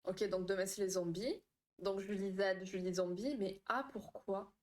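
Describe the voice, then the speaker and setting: A woman's voice: mid-range voice, fairly even intonation, moderate pace. Chatty young woman hosting a live stream. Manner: chatty, laughs often, reads out chat comments. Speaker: live stream host, therapist. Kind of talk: casual live chat with viewers.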